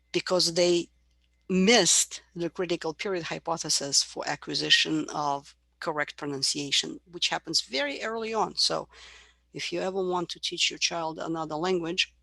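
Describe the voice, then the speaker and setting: A woman's voice: low-pitched, gravelly, sharp tone, dry recording. A middle-aged woman giving a university psychology lecture, explaining patiently and imitating baby babble as examples.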